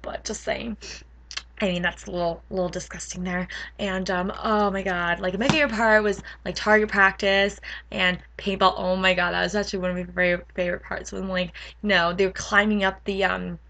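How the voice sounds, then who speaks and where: Teen girl fangirling over a book, rambly, tons of likes, squeaky high bursts. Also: little pitch movement, gravelly, bright, forceful tone, a little hiss or hum. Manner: gushing, rapid, many filler "likes", squeals into high pitch. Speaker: book vlogger. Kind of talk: casual excited book review.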